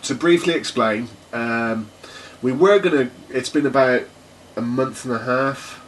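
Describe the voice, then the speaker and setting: A man's voice: medium pitch, unhurried, recorded from a distance, a little hiss or hum. A man co-hosting a casual tech podcast, talking in a rambling, hesitant way with lots of fillers and laughs. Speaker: podcast co-host. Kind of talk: casual chat.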